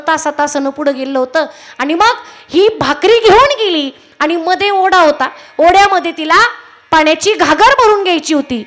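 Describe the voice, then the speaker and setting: A woman's voice: high-pitched, fairly bright tone. A woman telling a story in a kirtan sermon, asking the audience questions and acting out the characters. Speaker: kirtan preacher.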